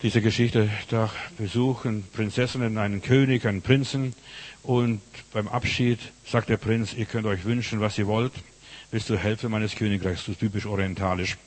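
A man's voice: lowish voice, steady tone, moderate pace. A man preaching a sermon, telling stories with emphatic, repeated phrases. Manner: voices characters loudly in stories. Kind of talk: sermon with storytelling.

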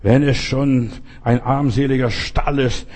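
Man playing a showy storybook peacock, self-admiring, grand, mellow tone. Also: mid-range voice, steady tone, unhurried, close to an everyday voice. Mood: vain. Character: vain, showy male peacock.

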